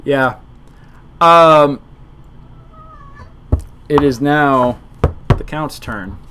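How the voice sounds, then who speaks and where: A man with a somewhat higher-pitched voice runs a tabletop role-playing game. He talks informally and explains things as game master. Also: drawn-out words, pushed and bright, a little hiss or hum.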